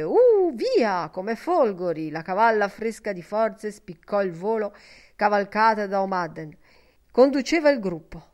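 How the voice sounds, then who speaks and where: A woman narrating a literary novel as an audiobook, measured and expressive. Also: medium pitch.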